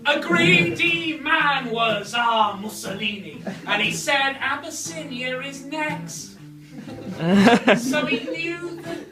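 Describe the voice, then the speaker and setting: Giggly high woman half-singing a story. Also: animated, slow. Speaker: performer. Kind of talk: comic sung history narration. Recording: echoey room, far from mic. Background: guitar playing.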